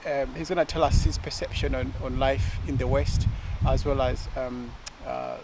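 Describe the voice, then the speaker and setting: A man's voice: medium pitch, steady tone, moderate pace, noisy background. A man from Malawi hosting a casual interview, asking rambling questions and laughing often. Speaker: host.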